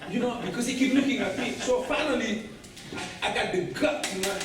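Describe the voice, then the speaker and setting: A Haitian-accented guest speaker tells stories to a club audience, animated and laughing as he speaks directly to them. His voice is very high and his pace normal, and the recording comes from a distant mic in an echoey room with a noisy background.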